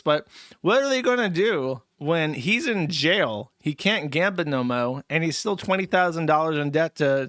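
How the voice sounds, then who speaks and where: A man hosting a show, giving sarcastic running commentary on clips in a quick, casual way and laughing often. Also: a little high, fairly bright tone, no echo, studio quality. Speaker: host.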